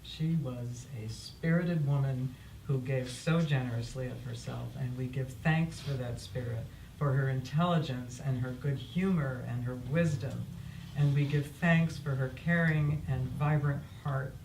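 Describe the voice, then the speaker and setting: A funeral officiant delivers solemn memorial prayers with measured reverence. The voice sits at a middle pitch and reaches the mic from far off in an echoey room. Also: gravelly, a little mellow. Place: echoey indoor memorial service space. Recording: distant mic in echoey room, faint noise.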